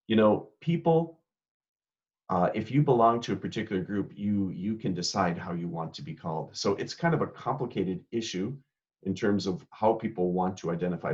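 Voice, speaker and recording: Man, very deep voice, easygoing slide presentation, muffled lo-fi audio. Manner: relaxed, explanatory, tags questions with "right?". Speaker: guest lecturer.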